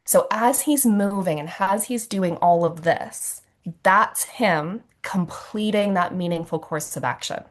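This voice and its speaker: A woman facilitating a trauma-informed masterclass on a video call, telling stories in a conversational way with fillers and acted quotes. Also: on the low side. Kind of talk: teaching a recorded masterclass.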